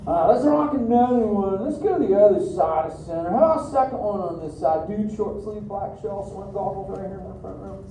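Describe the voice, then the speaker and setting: Here the surfer-dude sea turtle character sounds animated and warm, medium in pitch, a little fast and barely pausing, only lightly acted. The performer keeps up the goofy drawl and constant "dude," laughing often while bantering with the audience in an indoor theater. Audio comes from a distance, with echo and noise.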